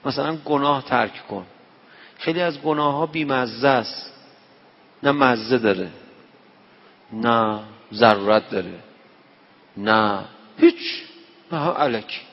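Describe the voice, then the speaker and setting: A man's voice: medium pitch, long pauses, breathy edge. A man from Tehran with a Tehran accent, giving a night-prayer sermon in a folksy, conversational way and acting out the dialogue of his anecdotes. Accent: Tehran Persian. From Tehran, Iran. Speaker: preacher. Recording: echoey dull hall recording.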